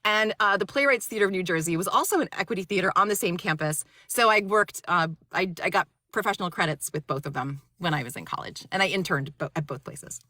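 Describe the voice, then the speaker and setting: A woman's voice: lowish voice, lively intonation, quick pace, few pauses, pushed and bright, no room sound, clean studio sound. A woman from Maryland, a narrator and actor, chatting in an interview and telling rambling stories with lots of laughter. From Maryland, USA. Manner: chatty, rambling storyteller who laughs often. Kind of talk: casual interview chat.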